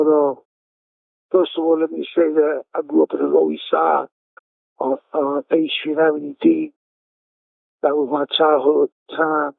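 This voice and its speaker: A man with a New York accent speaks over a tinny prison payphone line, his somewhat high voice rough with gravel. He tells his story casually, stumbling over and repeating words as he goes. The line is dry and close, with no room sound. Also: dry recording. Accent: New York City. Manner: halting, repeats words and restarts. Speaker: incarcerated caller.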